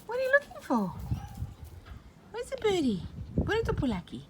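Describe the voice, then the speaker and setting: A woman's voice: very high voice, wildly swooping pitch, normal speed, very noisy. A woman talking baby talk to her dog at home, cooing and repeating pet words in a sing-song way. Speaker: pet owner.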